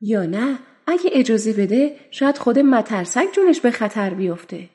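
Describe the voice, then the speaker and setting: A woman reading a storybook aloud for children, gentle and inviting as she speaks directly to her young listeners. Her voice sits somewhat high, and a long reverb trails behind each phrase. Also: very animated.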